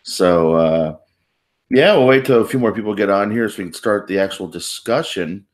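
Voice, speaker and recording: A man's voice: on the low side, moderate pace. A man co-hosting a live stream chat, talking casually and rambling a bit, sounding tired. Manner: rambling, self-interrupting. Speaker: co-host of a live stream discussion.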